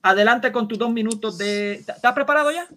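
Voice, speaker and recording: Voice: medium pitch, brisk, fairly bright tone. Voz insistente con acento caribeño. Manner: insistent, repeats points and fires rhetorical questions. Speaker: debater. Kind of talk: heated religious debate.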